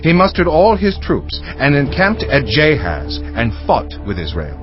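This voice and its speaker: A man's voice: on the high side, huge pitch swings, unhurried. A man playing a proud warrior commander in a dramatized audio Bible, assertive and emphatic in his rhetoric. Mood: firm argument. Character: Jephthah, proud, challenging mighty warrior and commander. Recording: dull band-limited audio, faint music underneath.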